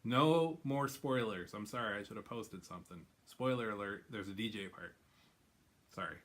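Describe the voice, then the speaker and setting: A man's voice: lowish voice, moderate pace, a bit bright. A man hosting a drawing show, chatting casually and rambling, laughing often. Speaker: host. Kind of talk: casual chat.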